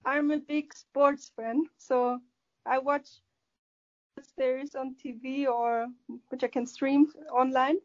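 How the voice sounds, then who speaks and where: A woman's voice: sits high, level tone, slow pace, dull audio. A woman with a German accent, a guest answering podcast questions hesitantly, searching for English words. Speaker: athlete guest.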